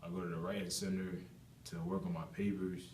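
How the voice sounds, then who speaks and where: A man's voice: low voice, level tone, fairly quick, darkish tone. A young adult man giving casual interview answers as a student athlete. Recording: echoey room with faint background noise.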